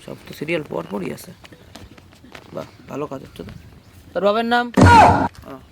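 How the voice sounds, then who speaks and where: A man acting out a coarse cyber-café operator in a comic sketch, barking orders and cursing at his customers. His voice sits high and has a gravelly rasp. Loud noise runs under the whole recording. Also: huge pitch swings, moderate pace, heavily acted. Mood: gruff. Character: crude, snappish male village cyber-cafe operator.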